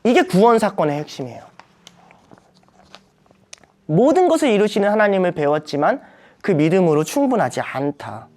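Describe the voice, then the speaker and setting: A young man teaching a Bible study for church teachers, animated, acting out quoted voices with big jumps in pitch. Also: moderate pace, long pauses. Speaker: youth ministry preacher teaching teachers.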